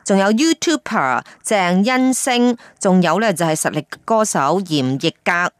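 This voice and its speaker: A woman radio host, chatting through a feature report with many fillers and pauses. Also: mid-range voice, very animated, dry recording, studio quality.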